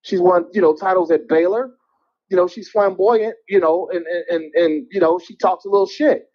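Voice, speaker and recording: A man calling in to a show from a parking garage, heard over a phone line that sounds like speakerphone, blunt and opinionated with halting restarts. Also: high-pitched. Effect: phone call that sounds like it is on speakerphone. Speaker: caller. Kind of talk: casual call-in chat.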